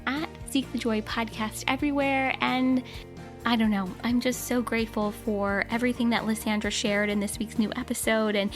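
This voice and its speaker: A woman's voice: fairly high pitch, fairly even intonation, normal speed, faint music behind. A woman hosting a podcast, talking in an upbeat, enthusiastic way. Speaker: podcast host. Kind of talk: podcast host intro.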